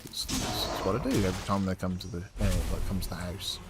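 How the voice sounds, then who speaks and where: Low-voiced man rambling while gaming. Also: a little fast, heavy background noise. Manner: rambling, swears often, lots of fillers. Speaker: game streamer. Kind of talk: casual chat while playing a game.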